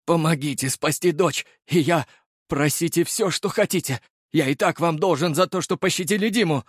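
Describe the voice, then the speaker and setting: A man voicing a desperate middle-aged nobleman and father, shrill and emotional, in an audiobook. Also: normal speed, bright, forceful tone, no room sound, studio quality, natural voice. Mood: pleading. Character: distraught middle-aged nobleman father, furious then begging.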